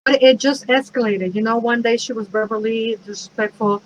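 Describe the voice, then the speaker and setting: A woman's voice: on the high side, steady tone, moderate pace, slight background noise, rough recording. A woman priestess and minister giving a frank, conversational workshop talk, advising listeners with self-deprecating asides.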